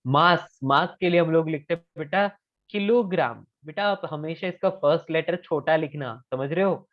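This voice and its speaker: A man's voice: on the high side, dull audio. A male physics teacher, giving an online class and patiently repeating key phrases. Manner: patient, repeats key phrases slowly, calls students beta.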